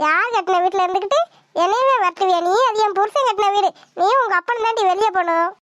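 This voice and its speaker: A woman's voice: very high voice, fast talker, fairly bright tone, slight background noise. A woman voicing a fussing, bossy old village grandmother who scolds and wails in a cartoon. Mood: scolding. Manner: scolding, nagging, dramatic wailing.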